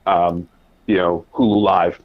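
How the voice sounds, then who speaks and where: A man talking as a podcast guest in a casual conversation, animated, in quick bursts with frequent restarts. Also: low voice. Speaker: podcast guest, media editor. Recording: dull lo-fi sound.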